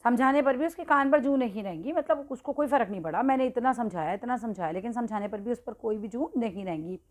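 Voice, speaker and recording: A woman's voice: on the high side, lively intonation, fast talker, a little mellow. A woman teaching idioms to exam students in a casual, conversational way, talking straight to them and correcting herself as she goes. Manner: conversational, addresses students directly, frequent checks and self-corrections. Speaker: Hindi teacher. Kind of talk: casual exam-prep lesson explaining idioms.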